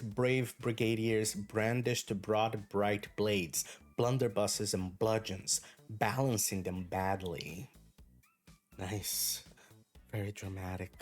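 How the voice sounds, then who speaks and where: A man teaching English pronunciation online, explaining sounds and drilling tongue twisters slowly and with exaggerated care, in an encouraging way. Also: mid-range voice.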